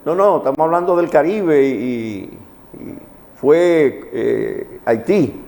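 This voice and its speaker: This Dominican legal commentator, a magistrate on a TV programme, speaks with a Caribbean Spanish accent and teaches through legal matters, repeating the key points. His voice runs on the high side, gravelly and a little mellow, and he takes it slowly; the room sound is reverberant, like a hall.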